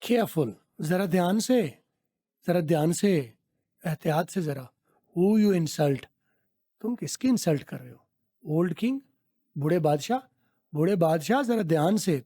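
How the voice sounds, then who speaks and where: A man's voice: fairly high pitch, lively intonation, warm tone. Middle-aged man drilling English phrases. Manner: repeats phrases slowly, drilling pronunciation. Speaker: English teacher. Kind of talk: spoken English lesson.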